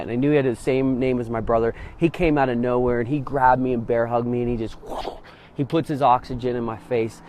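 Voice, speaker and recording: Guy giving a motivational talk to a crowd, storytelling, goes quiet then punchy. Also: mid-range voice, a little hiss or hum. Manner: storytelling, swings between hushed and emphatic. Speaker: motivational speaker. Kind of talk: inspirational talk to an audience.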